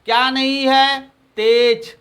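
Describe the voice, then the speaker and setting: Slowly repeating phrases and answering his own questions, a Hindi-accented man runs an English grammar lesson. His voice is very high, somewhat bright and level in tone.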